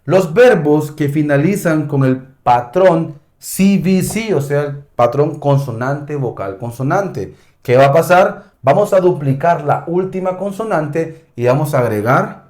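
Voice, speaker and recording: Male teacher, unhurried and animated, walking students through rules and checking in often. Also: fairly high pitch. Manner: explains step by step, often checks with "¿ok?". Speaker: English teacher. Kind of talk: classroom lesson explaining grammar.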